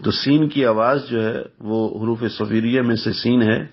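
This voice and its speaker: A man teaching the rules of Quran recitation, explaining slowly and methodically and pausing to recite example verses. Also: mid-range voice, fairly even intonation, husky. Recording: dull lo-fi recording.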